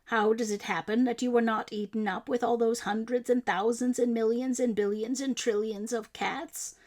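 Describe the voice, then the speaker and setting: A woman voicing a very old storybook man, a gentle cat lover who speaks earnestly. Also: on the high side, fairly even intonation, moderate pace, close to an everyday voice.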